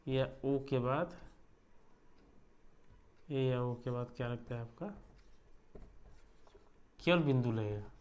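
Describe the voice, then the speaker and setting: A man teaching a lesson, explaining step by step and checking in with his students as he writes. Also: medium pitch. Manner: explains step by step, often asks ठीक है. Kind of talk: classroom lesson.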